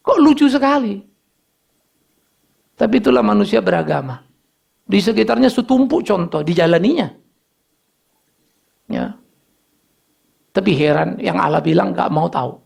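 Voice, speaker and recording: Male pastor, sermon delivery, gravelly husky voice, animated and conversational. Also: high-pitched, moderate pace, long pauses. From Indonesia. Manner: lively preaching, mixes in casual asides and acted dialogue.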